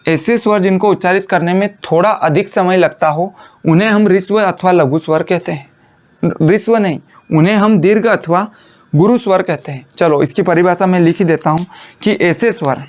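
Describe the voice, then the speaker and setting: Guy teacher with a pretty high voice, keeps asking then answering himself, says stuff slow and twice so you can write it down. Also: a little mellow. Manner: asks questions and answers them himself, repeats phrases slowly for dictation. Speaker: Hindi teacher. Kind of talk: classroom lecture dictating notes.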